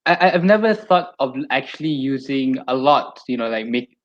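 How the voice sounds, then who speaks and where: A man's voice: mid-range voice, animated, normal speed. A young man with a Malaysian accent chatting casually as a podcast co-host, often repeating his phrases. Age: young adult. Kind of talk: casual chat. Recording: slightly dull lo-fi audio.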